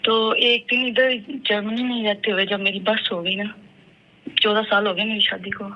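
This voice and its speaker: A woman from Pakistan calling in on the phone to give a halting, earnest, self-reproaching testimony. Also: medium pitch, little pitch movement, dull audio. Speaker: caller giving testimony. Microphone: phone line.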